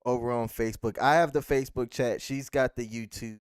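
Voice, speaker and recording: A man's voice: mid-range voice, steady tone, brisk, smooth, no room sound, clean studio sound. An American man co-hosting a casual live-stream chat as a podcast host.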